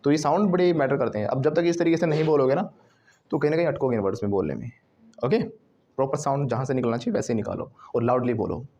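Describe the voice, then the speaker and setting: A man teaching English to a classroom of students, drilling words loudly and laughing often. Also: mid-range voice, fast.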